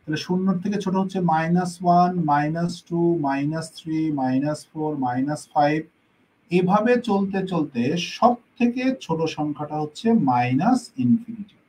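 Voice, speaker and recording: Husky-voiced man teaching math. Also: on the high side, normal speed, darkish tone, rough recording. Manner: explains step by step with repeated questions and answers. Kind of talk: online math lesson.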